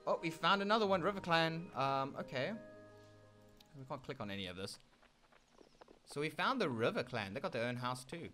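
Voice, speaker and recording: An excitable man with a South African accent gives casual gameplay commentary with a bright, sharp edge to his voice. His pitch swings up and down all the time as he chats to viewers. Faint game music plays behind him. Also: moderate pace, long pauses. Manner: excitable, keeps addressing viewers as "ladies and gentlemen"; meows and plays along as his kitten character. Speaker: gaming channel host.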